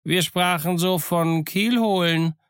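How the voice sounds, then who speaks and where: Man doing a meek old grey sailor, higher timid voice, deferential, storybook, dry. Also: slow pace, a bit bright, clear, resonant tone, dry recording. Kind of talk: audiobook character voice.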